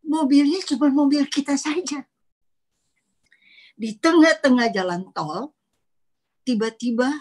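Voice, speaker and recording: A woman's voice: on the high side, darkish tone. A middle-aged woman preaching a sermon at an online prayer meeting, telling stories dramatically, dropping to whispers for quoted lines.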